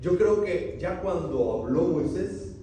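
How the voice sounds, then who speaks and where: A man preaching a sermon in a high, mellow voice, unhurried and rhetorical, throwing questions at his listeners before dropping into hushed, serious lines. He sounds far from the microphone, his words ringing through a very echoey hall with faint background noise. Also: animated. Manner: swings from loud rhetorical questions to quiet, solemn drops. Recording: very echoey, distant from the mic, faint room noise.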